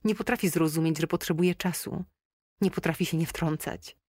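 A woman's voice: low-pitched, moderate pace, a little mellow, slightly rough, dry recording, clean studio sound. A woman reading an audiobook, voicing a heartbroken young woman who sounds tired and strained, sniffling through the call. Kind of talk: audiobook character voice.

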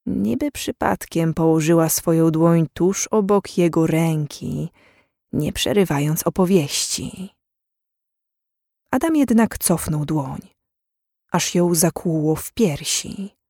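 Slow, measured audiobook narrator. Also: mid-range voice, gravelly, no room sound, studio quality. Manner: measured, even storytelling. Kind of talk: scripted novel narration.

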